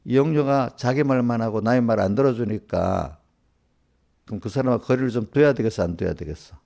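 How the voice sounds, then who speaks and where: Pastor guy scolding his flock w lots of questions, gravelly dark voice. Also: medium pitch, a little fast. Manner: scolding, asks one rhetorical question after another. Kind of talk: small-group sermon addressing congregants directly.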